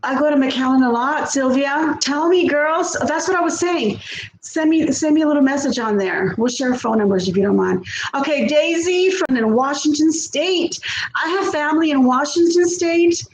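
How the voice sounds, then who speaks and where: A South Texas woman in her fifties, Texan accent and all, chats on a live cooking stream from her home kitchen in a high voice at normal speed. She rambles in a friendly way, often laughing and trailing off. The low-quality recording sounds roomy, with slight background noise.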